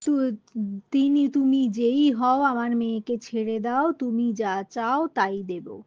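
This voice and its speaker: A tearful storybook mother begs for her daughter in a soft, low voice, read by a woman. The delivery is slow and pleading, on a dry, muffled recording. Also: dry recording.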